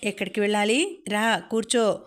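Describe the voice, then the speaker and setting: A woman's voice: mid-range voice, moderate pace, natural voice. A woman reading as Jyothi, a teasing young woman. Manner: playful, chatty.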